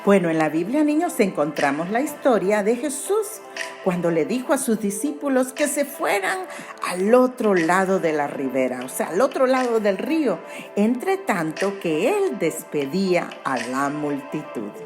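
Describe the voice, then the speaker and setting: Woman doing a kids bible story, slow and lively, asks the kids lots of questions, soft music behind. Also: mid-range voice. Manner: animated storytelling, addresses children with questions. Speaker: children's Bible teacher.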